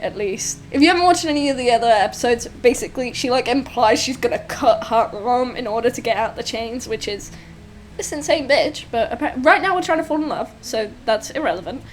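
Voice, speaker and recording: A young woman giving casual gameplay commentary, blunt, sweary and exclamatory as she talks through what is on screen. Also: fairly high pitch. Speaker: gameplay streamer. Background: faint game music.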